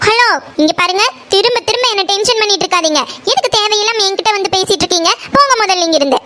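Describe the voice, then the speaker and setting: A very high, bright, piercing voice for a hot-tempered young college girl in a village cartoon, as a woman acts her out. She speaks with a Kongu Tamil accent and snaps every line back in a scolding, dismissive tone. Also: expressive, fast talker, exaggerated voice. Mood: snapping. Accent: Kongu Tamil (Coimbatore). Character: sharp-tongued young college woman, quick to anger. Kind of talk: cartoon voice acting.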